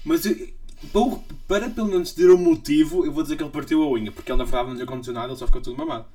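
A man's voice: fairly high pitch, racing, warm tone. A young man with a European Portuguese accent, teasing his co-host in casual podcast banter. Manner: teasing, jokey, laughs often. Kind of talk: casual chat.

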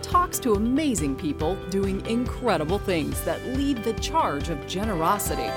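A woman reading a scripted podcast intro in a lively, upbeat way. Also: on the high side. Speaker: show announcer. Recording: music bed under voice.

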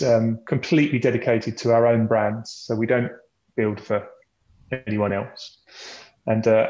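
In a mid-range, slightly mellow voice, a man explains the business as a company representative on a podcast, speaking conversationally like a presentation and often repeating words. The audio is dull and lo-fi, with the echo of a boxy room.

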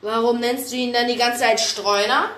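A woman's voice: fairly high pitch, steady tone, normal speed, fairly bright tone, roomy sound, pitched above the performer's own voice, close to an everyday voice. A woman voicing an anxious, pleading male warrior cat clan leader in a spoken story.

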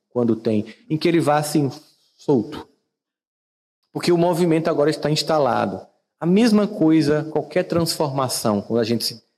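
A man's voice: darkish tone, long reverb tail. A man with a Brazilian Portuguese accent hosting a reflective motivational talk, conversational and asking his listeners questions. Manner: conversational, asks listeners questions, wide swings in pitch. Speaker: podcast host and teacher.

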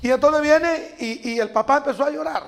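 A middle-aged preacher man with a very high voice. He tells lively stories and acts out the people he quotes, chuckling along the way. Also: fairly quick, vocal fry. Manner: animated, acts out quotes, laughs at his own stories. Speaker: preacher guest. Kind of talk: storytelling sermon chat.

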